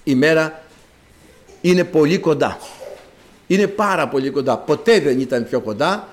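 Preaching with emphasis and plenty of repetition, this man reads scripture aloud in archaic Greek, circling back to the same phrases. His voice is a little high and animated, and a slight hiss or hum runs underneath.

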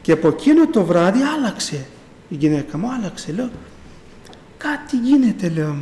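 Speaking in a high register with a darkish tone and wide pitch swings, a middle-aged man rambles through his personal faith testimony in church. "I say" comes up again and again as he retells events. Long reverb fills the echoey hall.

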